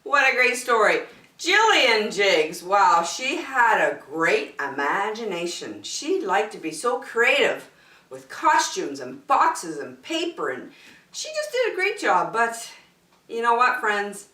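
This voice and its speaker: As a storytime host, a woman reads a rhyming picture book aloud to young children, expressive and theatrical. Her pitch is fairly high and her pace slow, with a roomy, echoing sound.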